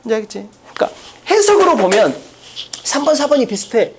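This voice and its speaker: A fast-talking male teacher lecturing his class from the blackboard. His pitch swings widely as he throws out question after question. He talks bluntly and drops crude slang into the lesson. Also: big pitch swings, slight background noise. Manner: brisk, blunt, peppered with rhetorical questions. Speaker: English teacher. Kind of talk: exam-prep lecture.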